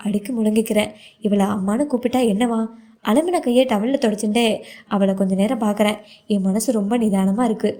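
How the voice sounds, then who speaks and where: A woman reading a novel aloud as first-person narration, with a calm, reflective inner-monologue delivery. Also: on the high side. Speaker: storyteller.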